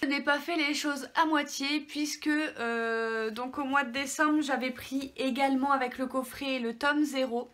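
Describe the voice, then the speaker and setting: A woman's voice: high voice, fairly even intonation, unhurried, hardly any pauses, a bit bright. A French woman hosting a casual manga haul video, chatting with many fillers and small restarts. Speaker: manga vlogger.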